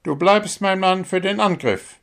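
A man's voice: high voice, unhurried, creaky, fairly bright tone, voice pushed up, heavily acted. A man voicing a small, strict bird who coaches a football team, scolding and sarcastic.

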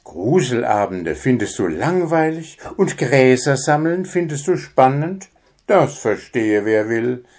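A man's voice: medium pitch, big pitch swings, takes it slowly, a little mellow, voice pushed up, full character voice. A man voicing a curious, pushy young male mole in a children's storybook. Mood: needling. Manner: needling, prying.

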